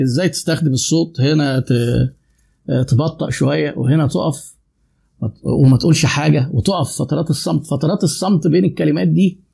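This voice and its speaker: Egyptian guy in his 50s giving a sales lesson, gravelly voice, fires off questions and answers them himself. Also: on the high side, darkish tone. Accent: Egyptian Arabic. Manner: asks the audience rhetorical questions and answers them. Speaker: sales trainer. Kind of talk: spoken lecture on sales communication.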